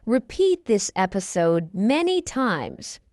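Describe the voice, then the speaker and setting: A woman teaching English in a slow scripted lesson, speaking clearly and carefully, repeating each phrase for practice. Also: medium pitch, very animated, a little mellow, no echo, studio quality.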